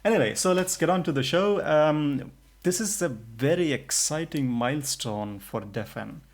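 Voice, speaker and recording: A man's voice: on the high side, moderate pace. Chatty man co-hosting. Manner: chatty, many restarts and fillers. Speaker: podcast co-host. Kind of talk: casual podcast chat.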